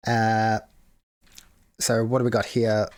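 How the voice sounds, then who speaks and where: Hiccuping along the way, a man with a lowish, level voice slowly walks viewers through building a game mode on a casual screen-share. This tutorial host rambles, using lots of fillers and starting over often.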